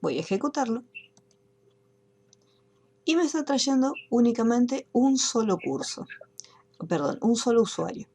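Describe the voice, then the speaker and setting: A woman teaching an online class, explaining software steps patiently one by one. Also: fairly high pitch, big pitch swings, a little slow, long pauses, breathy edge. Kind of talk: screen-recorded software tutorial.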